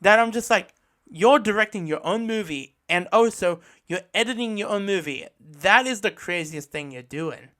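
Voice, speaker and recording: Reviewing anime in a relaxed solo podcast episode, an Australian host speaks at a normal speed with a high-sitting, fairly bright voice and lively intonation. His manner is earnest and enthusiastic, and he regularly repeats and rephrases his thoughts.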